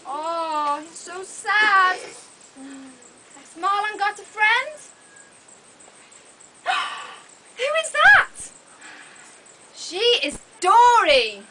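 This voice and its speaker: In an extremely high, sing-song voice, the woman speaks very slowly with frequent pauses and a sharp tone. She narrates a puppet show for young children in an open-sided thatched hall, asking questions and exclaiming in short, simple phrases. The open-air audio, taken by a camera mic in the audience, is noisy.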